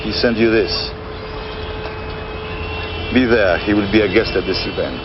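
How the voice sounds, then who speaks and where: A man's voice: on the low side, moderate pace. An actor playing a cool, terse male go-between, heard from a worn VHS tape copy. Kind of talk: film acting. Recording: dull worn tape with traffic noise.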